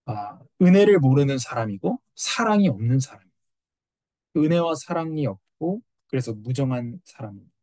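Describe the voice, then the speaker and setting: A middle-aged male pastor preaching a sermon, animated and full of rhetorical questions. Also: mid-range voice, normal speed, dry recording.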